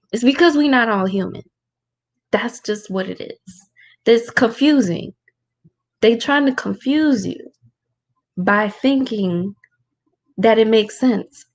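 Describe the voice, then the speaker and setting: Woman talking low at home. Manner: informal, rhetorical, keeps asking "right?"; keeps her voice lowered. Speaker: spiritual teacher hosting a Q&A. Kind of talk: casual livestream talk with Q&A. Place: room at home.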